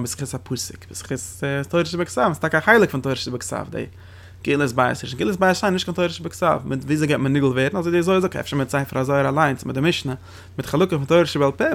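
Gravelly-voiced man teaching a text lesson. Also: a little high, a bit bright. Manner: rapid explanatory delivery with rhetorical questions. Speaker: Torah teacher. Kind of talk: lecture explaining religious texts.

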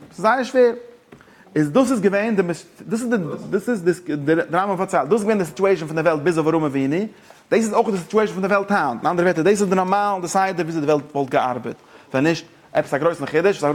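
Man, Torah lesson teacher, fairly high voice, rapid delivery, excited, stumbling restarts. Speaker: religious teacher.

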